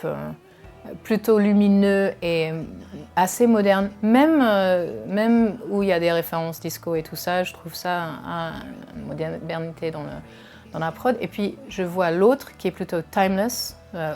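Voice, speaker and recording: A musician from California with an American accent, answering interview questions in a hesitant way with many fillers, over faint music. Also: female voice, lowish voice, unhurried, darkish tone. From California, USA. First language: English. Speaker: musician guest.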